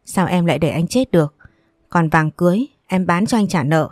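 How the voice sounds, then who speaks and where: A woman's voice: on the low side, lively intonation, fairly quick, a little mellow, no echo, studio quality. A woman voicing a tender, devoted young wife. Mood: caring. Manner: tender, caring.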